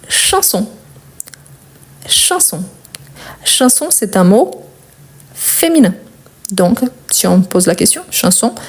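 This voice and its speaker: Slow, deliberate woman teaching grammar. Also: medium pitch, mellow. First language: Portuguese. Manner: slow, deliberate, repeats words for learners. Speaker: French teacher. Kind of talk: grammar lesson.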